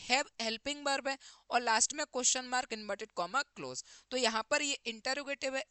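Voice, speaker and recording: A man teaching an exam-prep grammar lesson. He asks quick questions and answers them himself, and he mixes English grammar terms into his talk. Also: extremely high pitch, bright, forceful tone, smooth, dry recording.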